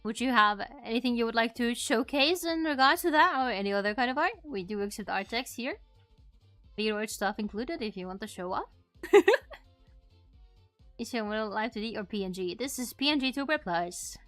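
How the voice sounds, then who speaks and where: Cute, high-voiced woman anime streamer over music. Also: a little fast, no room sound. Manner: cute anime-streamer delivery, bubbly excited greetings. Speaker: VTuber art streamer, host. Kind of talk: casual livestream chat.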